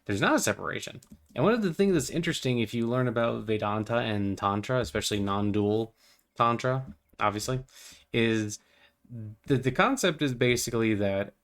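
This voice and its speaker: Rambling young man, low voice. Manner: meandering, filler-heavy, playful, easily distracted. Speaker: gaming vlogger. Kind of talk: casual rambling commentary while playing.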